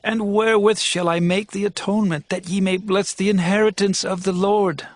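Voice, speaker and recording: A man's voice: high voice, level tone, moderate pace, no room sound, natural voice. An actor playing an earnest, regal king seeking atonement in a dramatized scripture. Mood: earnest, resolved.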